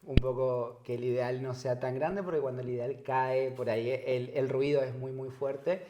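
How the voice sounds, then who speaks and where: A man's voice: mid-range voice, steady tone, moderate pace, mellow. A man from northern Argentina with an Argentine accent, a psychologist guest in an interview, speaking reflectively and repeating words as he searches for phrasing. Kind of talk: conversational interview. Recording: echoey room.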